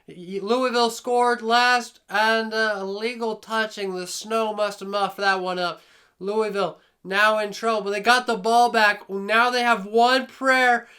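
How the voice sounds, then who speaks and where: A young man giving excited play-by-play commentary on a video game, hoarse from losing his voice and talking to viewers like a buddy. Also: sits high. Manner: hyped, exclamatory, talks to viewers like a buddy.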